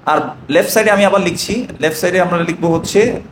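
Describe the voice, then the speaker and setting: A man's voice: high voice, fairly quick, echoey room, a little hiss or hum. A man with a Bangladeshi Bengali accent teaching an Arabic grammar class, asking questions and answering them himself.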